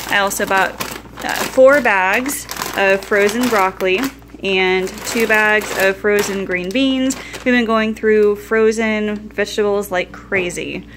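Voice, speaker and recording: A woman's voice: mid-range voice, a bit bright, slight background noise. A woman in her thirties chatting casually and upbeat from her home kitchen, going item by item. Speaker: vlogger showing a grocery haul. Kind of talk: casual chat.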